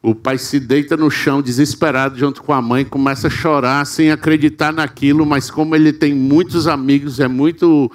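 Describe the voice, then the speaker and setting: A man's voice: a little high, fairly even intonation, moderate pace, few pauses. A man with a Brazilian Portuguese accent, preaching a sermon and telling a story in a dramatic, emotional way.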